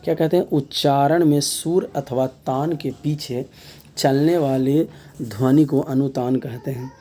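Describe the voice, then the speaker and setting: Man teaching with a very dark voice. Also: fairly high pitch. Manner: explanatory, repeats key terms as questions; frequent filler tags mid-sentence. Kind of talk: exam-prep grammar lesson.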